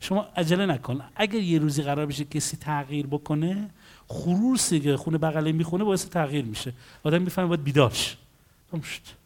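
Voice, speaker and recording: A man working as a counselor, telling stories about clients and acting out their dialogues in an animated way. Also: fairly high pitch. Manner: animated storytelling, acts out dialogues.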